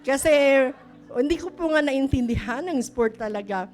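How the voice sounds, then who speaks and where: A woman's voice: high-pitched, lively intonation, normal speed, darkish tone, soft background music. A middle-aged woman pastor, preaching a chatty, story-filled sermon that often questions the congregation. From Philippines.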